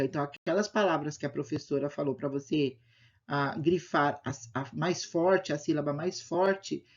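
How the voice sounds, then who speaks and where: Slow, low-voiced teacher woman. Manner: slow, patient, sing-song teacher's voice. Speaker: primary school teacher. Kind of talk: recorded lesson for children. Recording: dull lo-fi home recording.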